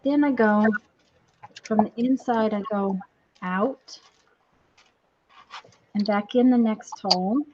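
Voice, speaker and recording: A woman casually hosting a live craft demonstration in a halting, folksy, apologetic way, her voice repeating with a strong echo. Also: medium pitch, noisy background. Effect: strong distracting echo on the voice. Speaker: craft tutorial host. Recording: dull lo-fi sound with bad echo.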